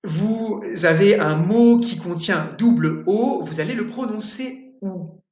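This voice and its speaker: A French teacher from France, a man with a French accent, walks learners through a pronunciation lesson. He speaks slowly and spells out each example word with care. His voice sits high and rings in an echoey room. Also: darkish tone, dull audio. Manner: clear, careful articulation of example words.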